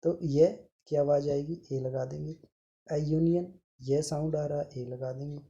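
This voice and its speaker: Male teacher w/ a gravelly low-key voice, walks kids thru sounds one by one, real patient. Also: steady tone, warm tone, lo-fi sound. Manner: patient, repeats sounds slowly, affectionate to pupils. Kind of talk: online grammar lesson.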